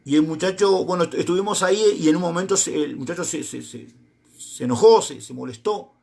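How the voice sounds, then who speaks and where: A middle-aged Argentine man preaches in a strikingly high voice for a man. He tells a personal testimony as a sermon and acts out the conversations in it, voicing each side in turn. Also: a little fast, gravelly, a little mellow, breathy edge. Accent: Argentine Spanish. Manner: storytelling, acting out both sides of dialogues.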